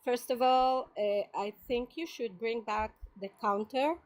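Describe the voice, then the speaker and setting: A woman's voice: a little high, unhurried. A woman joining a live stream as a caller, cheerful and friendly, laughing often. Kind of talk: casual chat on a live stream.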